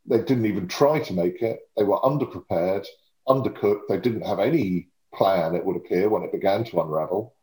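A man's voice: sits low, moderate pace, mellow. A man in his fifties with an English home counties accent, giving articulate, self-correcting commentary as an interview guest. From Surrey, England. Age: 50s. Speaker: interview guest, lobbying and communications professional. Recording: echoey room sound.

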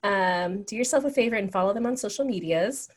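A woman co-hosts a casual podcast, sounding upbeat and encouraging as she talks. Her voice sits at a middle pitch for a woman. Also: brisk. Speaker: podcast co-host. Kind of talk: casual chat.

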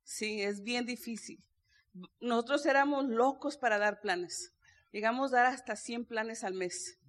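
A woman speaks from a convention stage, sharing her story in an earnest, personal way. Her voice sits high. She keeps turning to the audience and talking to them directly. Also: measured pace. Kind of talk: motivational stage testimony. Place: stage before a live audience.

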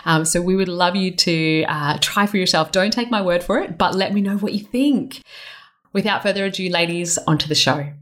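A woman's voice: on the low side, moderate pace, fairly bright tone. A woman with an Australian accent giving an informal, conversational sponsor read as a podcast host.

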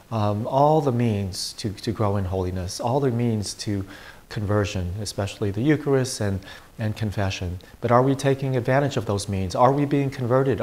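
Low-voiced man preaching as a priest. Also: darkish tone. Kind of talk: Gospel reading and informal homily.

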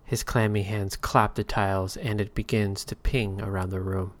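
A man narrating a scripted story in a measured, dry manner. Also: lowish voice. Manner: measured, dry storytelling with occasional hushed whispers.

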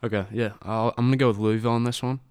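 A man co-hosting a casual sports podcast, giving his picks in relaxed conversation. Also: medium pitch, racing, clear, resonant tone, dry recording, clean studio sound. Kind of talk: casual sports preview chat.

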